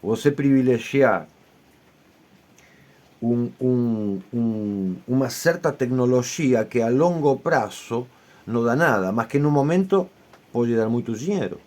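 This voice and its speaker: A man giving an explanatory lecture as an I Ching teacher, speaking in a measured way and often closing his points with quick tag questions. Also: mid-range voice, a little mellow.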